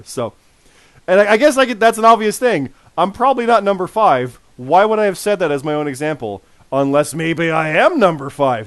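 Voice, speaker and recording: A man in his forties with a hoarse, worn voice, hosting a casual podcast and repeating phrases for emphasis. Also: a little high, no echo. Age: 40s. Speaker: podcast host.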